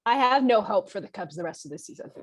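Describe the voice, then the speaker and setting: A woman's voice: medium pitch, expressive, quick pace, husky. A woman co-hosting a sports podcast with a mid-range voice. She talks casually and states her opinions bluntly. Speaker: podcast co-host.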